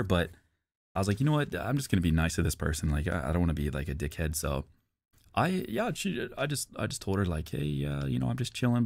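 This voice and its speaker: Low gravelly-voiced man telling a story. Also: a little mellow, dry recording. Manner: rambling, repeats himself, swears. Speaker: streamer. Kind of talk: casual storytelling.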